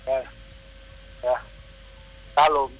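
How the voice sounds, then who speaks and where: A man speaks over a crackly, breaking phone line, his voice thin and distant. He keeps his pitch flat and even, in a middle register. His answers are short and clipped. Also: extremely slow, faint music behind. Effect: crackly phone line that cuts in and out. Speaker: radio caller. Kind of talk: call-in chat.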